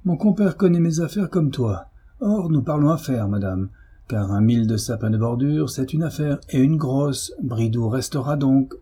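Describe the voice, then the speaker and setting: A man's voice: medium pitch, moderate pace, dark tone, slightly rough, voice pushed up, natural voice. A man voicing a rude, domineering middle-aged husband who scolds harshly in an audiobook reading. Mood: angry.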